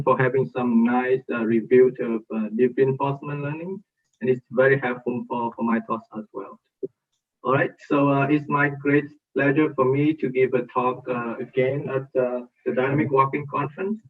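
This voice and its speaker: Muffled man, as if through a wall. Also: mid-range voice. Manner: halting, hesitant delivery. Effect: muffled, as if heard through a wall. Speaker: invited conference speaker. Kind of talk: online academic talk. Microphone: laptop mic on a video call. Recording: muffled distant lo-fi laptop mic.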